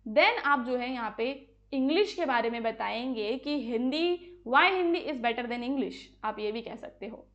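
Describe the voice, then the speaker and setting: A woman's voice: high-pitched, fairly bright tone. A woman teaching an exam-prep lesson, explaining step by step, putting questions and answering them herself, with English words mixed in. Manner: asks and answers her own questions.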